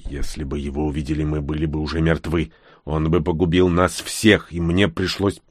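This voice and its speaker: A man voicing a hardened soldier who gives low, hushed, clipped orders in an audiobook. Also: level tone, normal speed, breathy edge, no room sound, clean studio sound. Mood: grim. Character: grim, hardened male soldier, curt and commanding.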